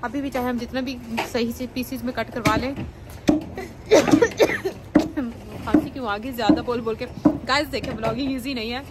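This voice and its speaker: A young Pakistani woman vlogs on a city street at night, holding her phone at arm's length and talking straight to camera. Her voice is on the high side, unhurried, with frequent pauses, and she's chatty and upbeat. Loud street noise surrounds her.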